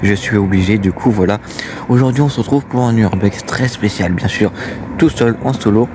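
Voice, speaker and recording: A man's voice: fairly low pitch, moderate pace. Rambling young man vlogging on a phone. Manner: rambling, repeats filler phrases. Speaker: urbex vlogger. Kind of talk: casual vlog talk to camera. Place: outdoors near an abandoned manor. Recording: loud background noise on a phone recording.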